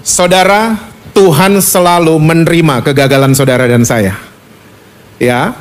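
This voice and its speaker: Pastor guy preaching in church, high voice, chatty and animated, keeps asking the crowd stuff. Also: a little slow. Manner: animated, conversational, asks the congregation questions. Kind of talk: lively preached sermon. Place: church service.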